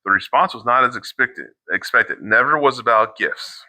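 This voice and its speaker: A middle-aged man with a mid-range, pushed, bright voice reads an online post aloud in casual chat, halting often, restarting mid-sentence, and swearing in his asides. He's a co-host reacting to online posts, and the audio is poor, with no echo.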